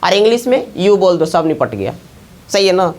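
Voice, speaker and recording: A woman's voice: lowish voice, sing-song, normal speed, darkish tone. A woman teaching math to a class at the board, often asking the students to check along. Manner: asks the class constant check questions.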